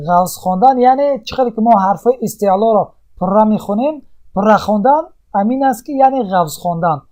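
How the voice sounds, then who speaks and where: A man patiently explaining Quran recitation rules in a lesson, repeating points with many pauses. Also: sits high, dark tone. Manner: patient, repetitive teaching with many pauses and fillers.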